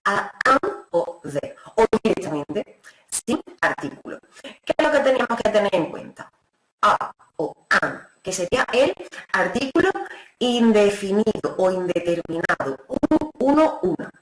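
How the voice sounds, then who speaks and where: A woman teacher walks a class through English grammar, patient and methodical. She slows down whenever she gives an example and keeps checking that everyone is following. Her voice sits at a medium pitch and carries a noticeable room echo. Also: very animated. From Spain. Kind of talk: online class explanation.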